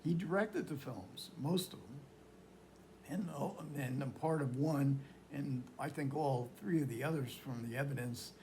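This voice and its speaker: A man giving an informal talk on film, telling it haltingly as he searches for words and repeats phrases. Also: mid-range voice, warm tone, a little hiss or hum, low-quality recording. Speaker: film lecturer. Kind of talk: informal film talk recounting history and plot.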